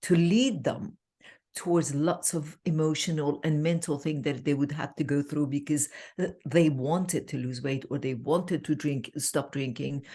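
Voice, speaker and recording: Very low, gravelly woman from Iran. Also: steady tone, mellow. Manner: halting, many fillers, laughs easily. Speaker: guest relationship coach. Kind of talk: casual interview chat. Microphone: video call.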